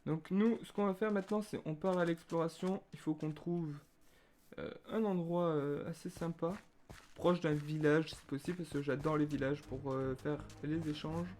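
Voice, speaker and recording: A young man giving casual gameplay commentary, chatty and calm with excitable bursts. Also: fairly high pitch, normal speed. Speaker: gaming video creator.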